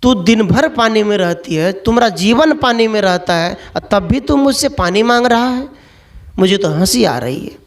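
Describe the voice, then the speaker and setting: A man's voice: sits high, animated, normal speed. A man preaching a sermon voicing an old saint-poet who speaks patiently and teasingly. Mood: amused. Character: old saint-poet, calm, gently amused.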